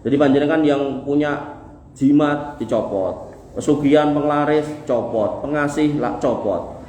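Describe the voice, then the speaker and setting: Speaking a little slowly, a Javanese-accented man preaches to his congregation with folksy humor, pressing points home by repeating them in rhythm. His voice runs on the high side with a dark tone. It's recorded in an echoey room carrying faint noise.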